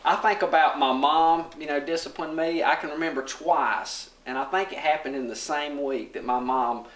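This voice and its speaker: A man's voice: fairly high pitch, steady tone, normal speed, fairly bright tone. A man with a Southern American accent and slightly slurred R sounds co-hosts a casual religious talk in a folksy, anecdotal way, often repeating himself. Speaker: talk show co-host. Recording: roomy echo, faint background noise.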